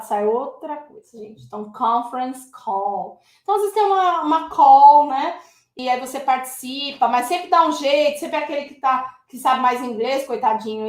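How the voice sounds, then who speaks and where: Teacher, woman, high voice, chatty and direct with viewers, echoey room. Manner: lively, addresses viewers as "gente". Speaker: English teacher. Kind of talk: casual online English lesson.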